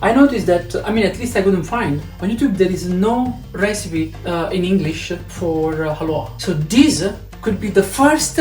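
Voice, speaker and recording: A man with an Italian accent, cooking at home and talking in a halting way, with many fillers. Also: sits high, animated. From Italy. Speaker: home cook on a cooking vlog. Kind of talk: casual chat while cooking. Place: home kitchen. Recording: echoey kitchen with soft music.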